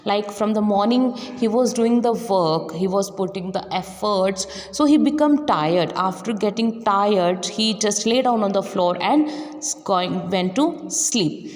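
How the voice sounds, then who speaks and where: A woman's voice: mid-range voice, unhurried, big-room sound. A woman teacher who reads a story aloud and then patiently retells each line in simpler words for her students.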